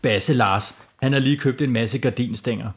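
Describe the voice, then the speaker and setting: A man's voice: mid-range voice, noisy background. Playful man telling a bedtime story. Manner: playful, lively. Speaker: storyteller host. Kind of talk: improvised children's bedtime story.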